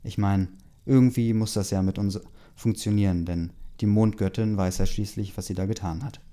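A man's voice: fairly low pitch, fairly even intonation, normal speed, mellow, close to an everyday voice. A man reading the lines of a pushy young male werewolf who pleads earnestly for another chance. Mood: pleading.

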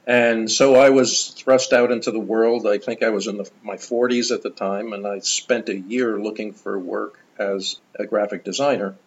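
An older man, a guest in an interview, telling stories in an animated, enthusiastic way. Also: fairly low pitch, moderate pace, hardly any pauses, muffled recording, slight background noise. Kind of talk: conversational storytelling.

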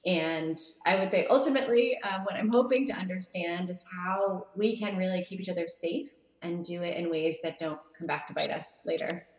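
A woman researcher answering interview questions in a thoughtful, measured, articulate way. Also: on the low side. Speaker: guest researcher. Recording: roomy, echoey remote connection.

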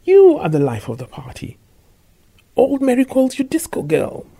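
A woman's voice: high-pitched, huge pitch swings, normal speed, vocal fry, dark tone, husky, heavily acted. An actress voicing a playful, dramatic young woman soldier in an audiobook. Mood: teasing. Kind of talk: audiobook dialogue.

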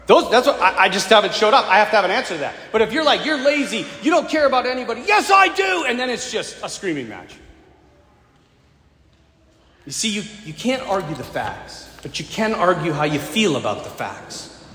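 Priest guy giving a sermon, high and really animated, big echoey church. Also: brisk. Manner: animated preaching with acted-out quotes and humor. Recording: echoey church hall with faint ambience.

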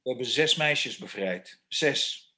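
An actor playing a brash young male football hooligan recounting a street fight in rough slang. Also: medium pitch, animated, slow, sharp tone, exaggerated voice. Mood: boastful. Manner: boastful storytelling, rough slang.

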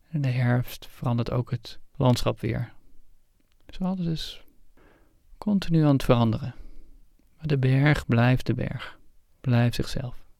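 A man leading a guided meditation, speaking calmly and gently in unhurried, spaced-out phrases. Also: medium pitch, no room sound, clean studio sound. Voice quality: creaky, gravelly fry. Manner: calm, unhurried, gentle instructing with pauses. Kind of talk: guided meditation, slow visualisation narration.

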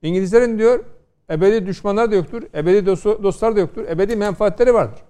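This law scholar, a middle-aged man from Konya in Turkey, has a high-pitched, mellow voice and speaks fast. Sitting on a studio panel, he mixes lecturing with storytelling and poses rhetorical questions.

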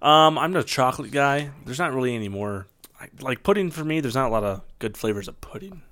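A young man in his twenties hosting a casual podcast. He is jokey and laughs often, and he trails off with ums. His pitch sits in the middle for a man. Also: animated, fast, a bit bright. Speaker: podcast host. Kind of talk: casual chat.

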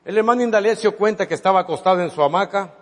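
A man with a fairly high voice tells a story from the pulpit, dramatizing it as he goes. His sermon rings out with a long reverb, as if recorded in a large hall. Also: rapid-fire. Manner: dramatic retelling with quoted dialogue. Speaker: preacher.

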